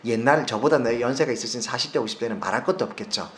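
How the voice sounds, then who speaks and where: A man's voice: mid-range voice, quick pace, fairly bright tone. A man from South Korea, in his forties, teaching English pronunciation in a video lesson, repeating sounds for drills with emphasis.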